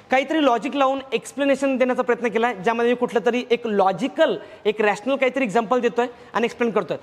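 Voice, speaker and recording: A man's voice: very high voice, in a large hall. A man with a Marathi accent teaching vocabulary in a lecture, who repeats words in lists and asks himself questions.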